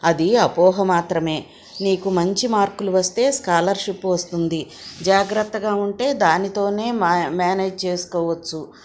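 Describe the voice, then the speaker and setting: A woman's voice: medium pitch, a little slow, a little mellow, slight background noise, natural voice. A woman reading as a cheerful, reassuring young man. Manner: easygoing, encouraging.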